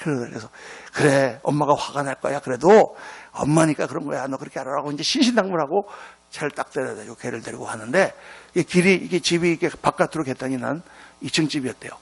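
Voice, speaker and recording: A man's voice: fairly high pitch, brisk, gravelly, husky. A middle-aged male pastor preaching a revival sermon in a church, telling a story and acting out its dialogue. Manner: animated, acts out dialogue in the story. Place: church sanctuary.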